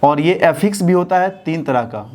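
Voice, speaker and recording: A male English teacher gives a classroom lesson in a voice that sits on the higher side for a man. He keeps asking his students questions and then answering them himself, and he slows down to a steady dictation pace whenever he spells out a word. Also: slight background noise. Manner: slow, deliberate dictation when spelling out words. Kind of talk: classroom-style lesson explanation.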